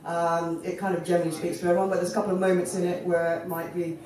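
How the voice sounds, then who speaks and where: This Fiji-born poet, raised in Jamaica and in their thirties, talks fast in a level, medium-pitched, slightly mellow voice while performing rhythmic, emphatic poems at a stand mic. The setting is an outdoor festival tent stage, and there is slight background noise. Filmed from among the audience, the recording comes across as echoey and remote.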